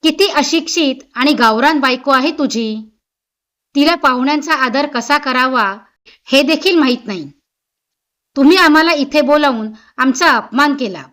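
A woman's voice: sits high, normal speed, a bit bright. A woman reading as mocking male party guests. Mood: contemptuous. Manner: mocking, contemptuous. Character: rude male party guests, young men.

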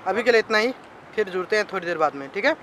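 A man's voice: high-pitched, animated, rapid-fire, pushed and bright, a little hiss or hum. A man chatting with friends outdoors, going along agreeably and joking around. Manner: agreeable, jokey.

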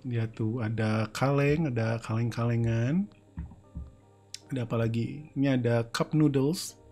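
A man's voice: medium pitch, steady tone, measured pace, mellow, faint music behind. A young man doing casual, playful game commentary from home, joking about himself and breaking into screams and laughter. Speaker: streamer.

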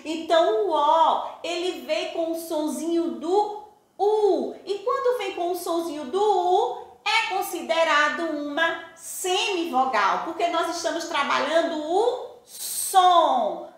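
A woman's voice: very high voice, fairly bright tone. A Brazilian woman teaching a primary school class. She explains patiently, step by step, and asks the children rhetorical questions. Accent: Brazilian Portuguese. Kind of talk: recorded class lesson. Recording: echoey room.

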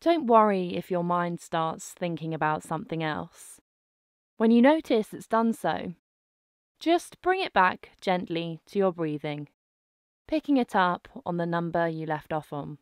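A woman narrating a guided breathing meditation in a gentle, calming manner. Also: fairly low pitch, clean tone, dry recording, studio quality. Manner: slow, gentle, calming delivery with soft phrasing.

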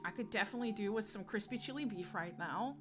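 A woman's voice: mid-range voice, fast, music in the background. A woman with a Dutch accent chatting casually on a gaming livestream, giggling often and greeting viewers by name.

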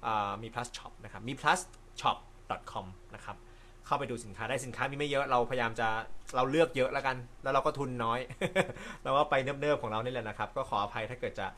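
A man with a bright, forward voice hosts a casual live stream, answering viewer comments from his desk indoors. He sounds relaxed and chatty, laughing easily and apologizing in passing. A faint hiss sits under the voice. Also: mid-range voice, fairly quick. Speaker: host.

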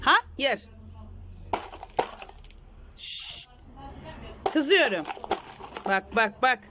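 Woman, mother to a toddler, slow and singsong, gently scolding. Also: fairly high pitch, very animated, background noise. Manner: coaxing, praising and scolding gently. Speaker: mother playing with her toddler. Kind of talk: home video talk to a small child.

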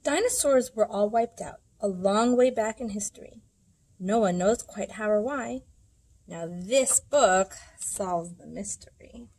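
Indoors in a library room, a thirtysomething children's storytime reader brings a rhyming picture book to life with a sing-song, expressive reading. Her medium-pitched voice is a little mellow and slightly rough, moving at a measured pace.

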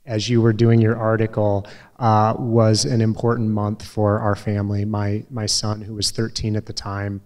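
Slow-speaking middle-aged man, low voice. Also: monotone. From Des Moines, Iowa. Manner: slow, measured, many uh fillers, soft and emotional. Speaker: event moderator. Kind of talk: public talk to an audience. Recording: reverberant hall.

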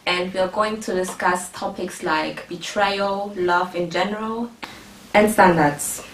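A woman's voice: fairly low pitch, steady tone, unhurried. Young woman hosting, roomy distant audio. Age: young adult. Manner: chatty, thinking aloud with fillers. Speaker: host. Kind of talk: casual youth discussion. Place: indoor living room. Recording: roomy, distant camera audio with faint hiss.

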